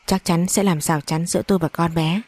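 A woman narrating a first-person story in a measured, emotional way. Her voice is low, mellow and dark, recorded close and dry. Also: steady tone, no echo.

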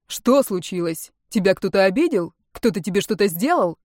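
A woman's voice: medium pitch, lively intonation, brisk, mellow, no echo, studio quality, natural voice. A woman doing a demanding, worried fiancé. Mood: agitated. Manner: pushy, demanding, questioning. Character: angry, worried young man, a fiancé.

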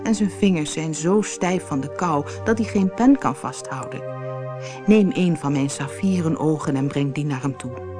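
Storybook prince: kind, sorrowful, softly pleading, low voice, faint music behind, read by a woman. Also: normal speed, natural voice. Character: kind statue prince, gentle and sorrowful man.

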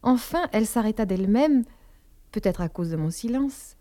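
A woman narrating a literary novel in the first person, measured and intimate, dropping to a whisper in dialogue. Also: fairly high pitch, animated, mellow. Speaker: audiobook narrator.

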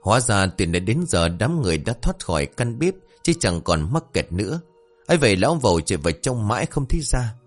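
A man narrating a comic folk tale in an animated, expressive way. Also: on the low side, fast talker, faint music behind. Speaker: storyteller.

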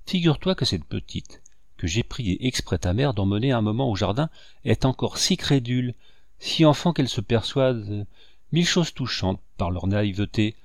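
Man playing a gentle grieving father, earnest, tender, lecturing, storybook reading, dry close sound. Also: medium pitch, animated, normal speed, gravelly, no echo.

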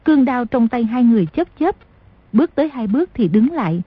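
Very husky woman narrating. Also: a little high, a little fast. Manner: steady storytelling. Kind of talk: audiobook narration. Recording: dull lo-fi dry recording.

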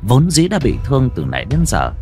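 A man narrating a horror audio story in a dramatic, expressive storytelling way. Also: medium pitch, a little fast. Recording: dry close recording with faint music.

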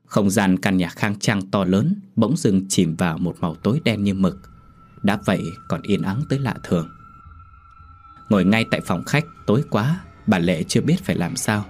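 A man narrating a horror story in a steady, descriptive storytelling manner. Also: fairly low pitch, moderate pace, faint music behind.

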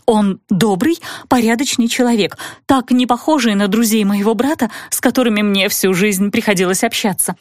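A woman's voice: medium pitch, moderate pace, few pauses, no echo, studio quality, natural voice. A woman voicing a young noblewoman cousin, a proud poor spinster, speaking in agitated, tearful pleading. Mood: earnest.

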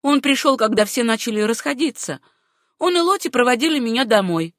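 A woman reading an audiobook, voicing a gentle, naive young woman with a light, sympathetic manner. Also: on the high side, lively intonation, brisk, no room sound, clean studio sound, pitched above the performer's own voice, natural voice. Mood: innocent.

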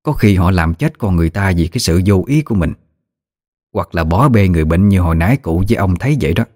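A man's voice: sits low, animated, fast, darkish tone. Man voicing a blunt old great-aunt. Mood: blunt, marveling. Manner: blunt, exclaiming, rustic speech.

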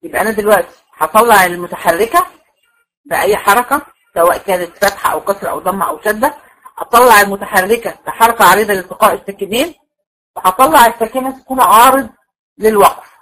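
A medium-pitched, sharp-toned woman with an Egyptian Arabic accent speaks fast in a low-quality recording of her Quran recitation class. Lecturing to the classroom, she breaks every point into steps and goes over it again to confirm her students have grasped it.

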